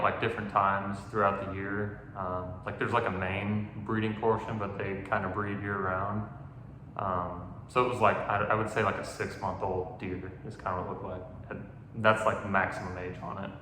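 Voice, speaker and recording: Young man with a bright, echoey voice. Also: on the low side. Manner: rambling, many "like" and "um" fillers. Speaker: podcast host. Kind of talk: casual hunting story chat. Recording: echoey room with long reverb, faint noise.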